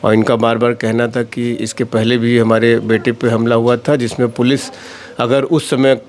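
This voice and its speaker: A man's voice: mid-range voice, little pitch movement, normal speed, a little mellow. A man with a mid-range voice reports from the field as a local news reporter. He speaks steadily and asks pointed questions of the person he is interviewing.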